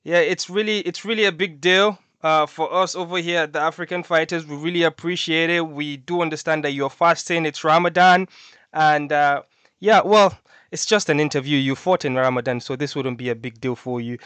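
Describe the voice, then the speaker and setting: A man's voice: fairly high pitch, steady tone, moderate pace, a bit bright, clear, resonant tone, no echo. A male interview host welcoming a guest and asking rambling, friendly questions on a video call. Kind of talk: interview hosting. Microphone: headset on video call.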